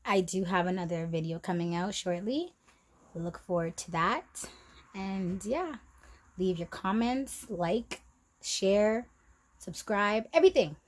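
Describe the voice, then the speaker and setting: A woman's voice: medium pitch, poor audio. A young woman vlogging candidly about a hard stretch, repeating herself and near tears at times. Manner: many fillers and restarts, drifting soft and quiet. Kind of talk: emotional personal story vlog.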